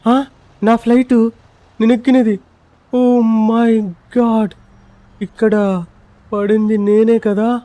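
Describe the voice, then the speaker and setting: A man voicing a confused grown-up ghost, an uncle, pleading and puzzled, in a lower voice. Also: flat delivery, takes it slowly, pauses often, warm tone, dry recording. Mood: bewildered. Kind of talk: fan-dubbed game story.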